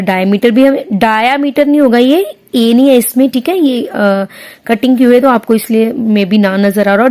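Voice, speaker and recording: A woman teaching a literature lesson, slowly explaining terms and repeating them patiently. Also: fairly high pitch, a little mellow. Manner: slow, patient, repeats terms, mixes English into speech. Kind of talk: explaining poetic meter in a lesson.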